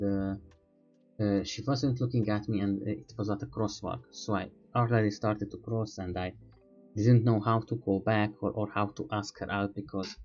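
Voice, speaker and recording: A man with a somewhat low voice tells a long, meandering story on a stream. He speaks English as a second language, pausing often with fillers as he hunts for words. The audio is dull and lo-fi, with faint music in the background. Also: vocal fry, a little mellow. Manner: hesitant, many fillers, searching for words; non-native English speaker. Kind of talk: rambling casual storytelling.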